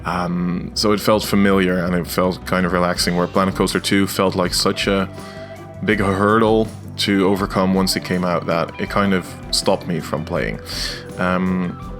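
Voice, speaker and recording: Speaking a little slowly in a low, slightly bright voice with little pitch movement, a young Dutch video game creator comments casually on his gameplay. His Dutch accent is clear, his talk hesitant and full of fillers, and faint guitar music plays behind him.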